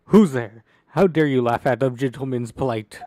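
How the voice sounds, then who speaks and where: A man voicing an earnest, indignant gentleman detective with stiff, formal phrasing, reading a visual novel aloud. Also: mid-range voice, normal speed, natural voice.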